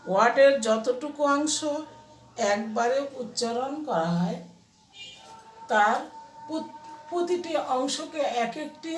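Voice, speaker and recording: A woman teacher giving an online grammar lesson to young pupils, spelling words out slowly and asking and answering her own questions. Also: on the high side, echoey room, recorded from a distance. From Bangladesh.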